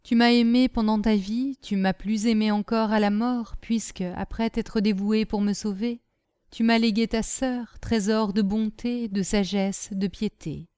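A woman's voice: mid-range voice, fairly even intonation, measured pace, darkish tone, smooth, no echo, studio quality, lightly acted. A woman reader voicing a gendarme sergeant of thirty, solemn and tender in grief, curt when pushed. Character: grieving, earnest gendarme sergeant, a man of thirty.

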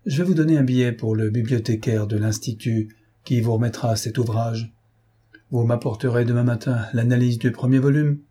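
A man's voice: mid-range voice, fairly even intonation, normal speed, warm tone, breathy edge, lightly acted. A man reading an audiobook, voicing a pompous, stingy older male scholar who lectures his young assistant. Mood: instructing. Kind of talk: audiobook character voice.

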